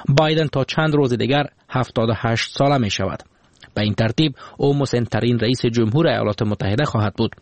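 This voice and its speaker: Steady Afghan Dari news presenter. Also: male voice, mid-range voice, no room sound. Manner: steady formal reading. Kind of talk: news report.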